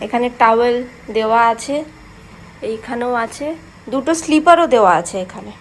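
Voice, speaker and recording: A woman's voice: fairly high pitch, normal speed, a little hiss or hum. A woman gives a hotel tour in casual vlog narration. She gushes with praise and fills her talk with "মানে". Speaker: travel vlogger. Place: hotel room and grounds.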